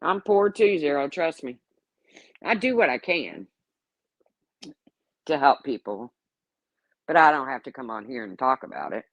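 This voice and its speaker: In her late fifties, a woman hosts a casual YouTube livestream, rambling and answering her chat with blunt sarcasm. Her voice is very deep and animated, unhurried, with long pauses and no echo.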